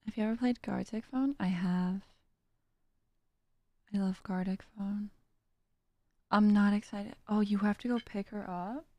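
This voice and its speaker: A young woman streamer chatting casually while drawing, tired and low on energy, soft-spoken and trailing off with small laughs. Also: fairly even intonation, a little slow, long pauses, no room sound.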